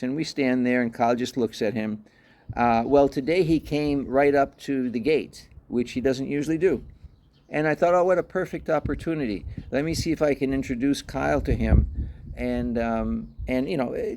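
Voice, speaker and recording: A man's voice: medium pitch, darkish tone. A middle-aged man hosting his own dog channel, telling a story in a loose, rambling way, full of restarts and fillers. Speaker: dog owner and channel host. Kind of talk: casual vlog storytelling.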